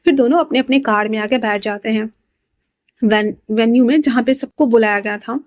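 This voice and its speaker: A woman casually narrating a fan-fiction story, voicing the characters' lines and breaking in with her own excited asides. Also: a little high, moderate pace, dry recording.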